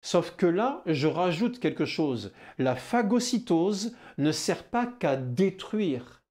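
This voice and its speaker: Animated southwestern French teacher. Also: male voice, sits high, slow. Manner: animated, addresses the viewer as "kid", rhetorical questions. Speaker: biology teacher. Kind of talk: lively video lesson.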